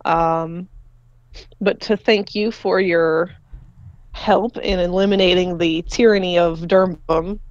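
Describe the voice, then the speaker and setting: A woman narrating a tabletop game as game master, halting with many fillers and often laughing. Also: fairly low pitch, steady tone, a little mellow, no echo, muffled recording.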